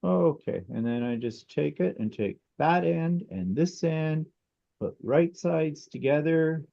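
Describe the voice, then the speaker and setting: A man's voice: on the high side, lively intonation, slow pace, vocal fry. A man chatting while he sews on a live quilting stream, dry and sarcastic, heard over a video call. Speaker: quilter guest. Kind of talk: casual chat while sewing on a live stream. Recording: muffled video-call audio.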